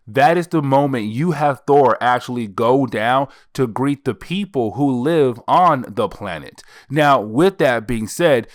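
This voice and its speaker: A man's voice: medium pitch, dry recording, studio quality. A man hosting a comic book channel, retelling a story in a loose, conversational way. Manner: conversational, retells dialogue loosely in plain speech. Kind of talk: casual comic story recap.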